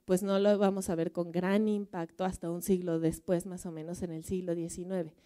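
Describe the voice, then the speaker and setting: A woman's voice: fairly low pitch, flat delivery, moderate pace, warm tone, clear, resonant tone. A woman curator with a Mexican Spanish accent giving a museum lecture, telling folk tales in a chatty, conversational way and often checking in with her audience. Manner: conversational, storytelling, frequent tag questions. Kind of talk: public lecture.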